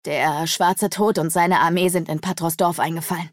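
A croaking male vampire bat, put on by a woman reader, servile and eager to please his master. The voice has an odd, altered timbre. The storybook recording is close and dry. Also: on the low side, fairly even intonation, normal speed, no echo, lightly acted.

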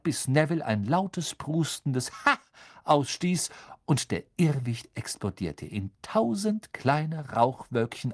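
Casting: male storyteller, lively and dramatic, with a melodic, wide-ranging pitch in scripted narration. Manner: expressive, dramatic reading with many voice shifts. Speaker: audiobook narrator.

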